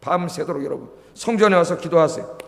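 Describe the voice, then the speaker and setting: A man's voice: on the high side, fast talker, gravelly. A middle-aged male pastor preaching at a Friday prayer service, exhorting his congregation with rhetorical questions and prompting them for answers. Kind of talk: sermon. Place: church sanctuary. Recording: long hall reverb.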